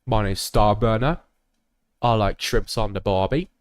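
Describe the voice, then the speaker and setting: A man voicing a jokey stereotyped Australian bloke with a put-on Australian accent, hammy and loud. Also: lowish voice, measured pace, no echo, studio quality, lightly acted.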